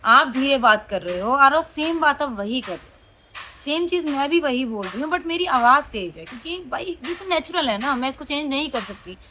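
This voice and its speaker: A young woman with a loud voice, talking outspokenly and emotionally to her viewers in a casual confessional vlog. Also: sits high, expressive, normal speed, slight background noise. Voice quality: loud, forceful voice. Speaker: vlogger.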